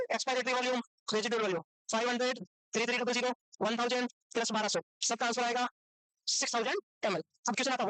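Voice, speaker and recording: Rapid-fire woman lecturer quizzing students. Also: a little high, fairly bright tone, no room sound, low-quality recording. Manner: fires rhetorical questions and repeats the answers; mixes English medical terms into Hindi. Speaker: medical lecturer.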